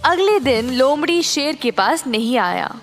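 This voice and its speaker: A woman storyteller reads a scripted children's tale in a high voice with lively intonation. She goes slowly, and soft music plays underneath.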